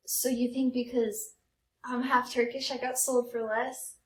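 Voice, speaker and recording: A young American woman speaks a little slowly in a fairly high, fairly bright voice with level tone. As a comedy podcast co-host, she chats casually and tells personal stories, and the recording sounds roomy and echoey.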